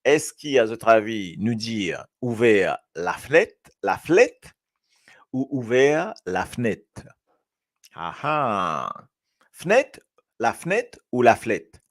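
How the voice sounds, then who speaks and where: A man from Mauritius, hosting a live show and reading viewers' comments aloud in a lively, chatty way. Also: medium pitch, slow pace. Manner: lively, switching between French and Creole, reading comments aloud. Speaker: host.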